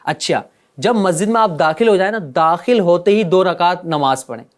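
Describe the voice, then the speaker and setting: A man teaching a religious lesson to children, gently coaxing them with repeated questions. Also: high-pitched.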